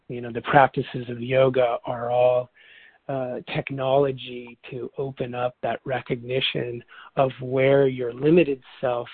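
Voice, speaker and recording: Brief: forty-nine-year-old man, husky, reflective and halting, dry phone-line sound. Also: mid-range voice, no echo. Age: 40s. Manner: reflective, halting, many restarts and fillers. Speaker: yoga teacher and Ayurvedic doctor. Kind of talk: interview answers.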